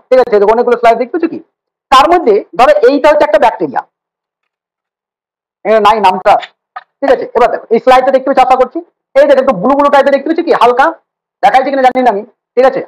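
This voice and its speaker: A man's voice: very high voice, rough recording. A man teaching biology in a casual online class, joking and teasing his students as he explains. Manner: rapid, repetitive explaining with fillers.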